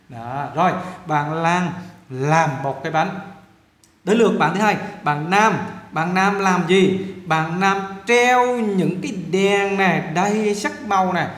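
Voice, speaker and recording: High-voiced Vietnamese-accented male teacher. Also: echoey room. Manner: repetitive, coaxing, checks in often with the viewers. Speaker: English teacher. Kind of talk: casual classroom lesson.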